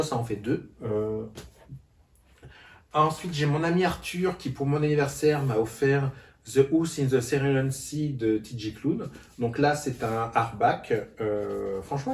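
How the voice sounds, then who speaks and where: A book vlogger with a medium-pitched, darkish voice talks casually through a book haul, hesitating often with fillers and restarted sentences. He sits a little back from the mic, and the room adds a noticeable echo.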